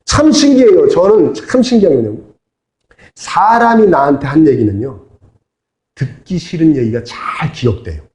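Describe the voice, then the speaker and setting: A man's voice: on the high side, very animated, moderate pace, a little mellow. A man preaching as pastor to his congregation, asking them to repeat after him and answer back. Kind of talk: sermon. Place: church sanctuary. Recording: echoey church hall.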